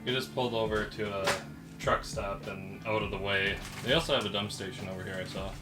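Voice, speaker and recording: A man's voice: fairly low pitch, fairly even intonation, a little fast, loud music behind the voice. A man from the United States chatting casually as a travel vlogger. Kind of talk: casual travel vlog chat.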